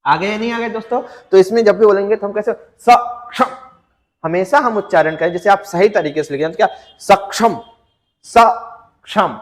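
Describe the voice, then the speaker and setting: A male teacher giving an exam-prep grammar lecture, asking his students questions and answering them himself, and drawing out example words slowly to show stress. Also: high-pitched, big-room sound. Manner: addresses students as friends, asks and answers own questions.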